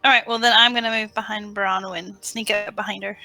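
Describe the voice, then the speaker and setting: A woman's voice: mid-range voice, steady tone, fairly quick, bright, forceful tone, dry recording, low-quality recording. A woman playing a tabletop game, describing her character's moves and correcting herself as she goes. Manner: restarts and self-corrections while describing actions. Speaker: player. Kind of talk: casual tabletop game play.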